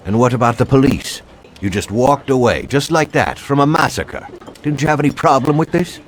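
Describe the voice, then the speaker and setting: An actor playing a tough, wary police detective in a game cutscene, talking bluntly. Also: male voice, medium pitch, moderate pace, slight background noise, close to an everyday voice. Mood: stern. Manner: blunt, tough street talk. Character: gruff male police detective, stern and wary. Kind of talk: video game cutscene acting.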